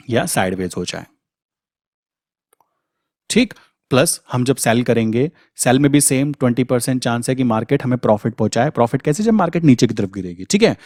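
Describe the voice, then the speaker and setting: A trading educator gives viewers a casual, conversational lesson, often calling them brother and frequently saying "thik." His voice is medium-pitched with a darkish tone, recorded at studio quality with no echo.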